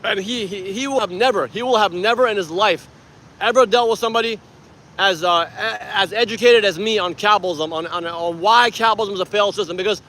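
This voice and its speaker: A man's voice: high-pitched, a little fast, sharp tone. A tired man in his forties, from Iran, vlogging casually outdoors on a city street as an activist, rambling and laughing often. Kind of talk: casual vlog to camera.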